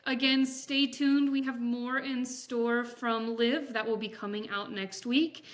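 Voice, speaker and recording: A woman's voice: a little high, fairly even intonation, a little slow. A woman in her thirties hosting an interview podcast, friendly and encouraging with her guest. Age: 30s. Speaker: podcast host.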